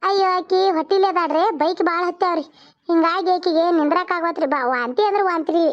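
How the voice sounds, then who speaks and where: Squeaky-high village women of a homemade cartoon, voiced by one woman, rattling along fast in a North Karnataka accent with polite dialect endings. The recording is dull and lo-fi. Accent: North Karnataka Kannada. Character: village women, a bride and her kin. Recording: muffled lo-fi recording.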